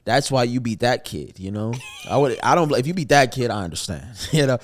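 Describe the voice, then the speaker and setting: A young man, a comedian guest on a podcast, telling joking stories in a loose, animated way that often trails off and restarts. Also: medium pitch, fairly quick. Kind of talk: casual storytelling interview.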